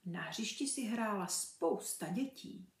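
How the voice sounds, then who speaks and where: A woman reading a children's book aloud in a lively, expressive way. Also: medium pitch. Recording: echoey room.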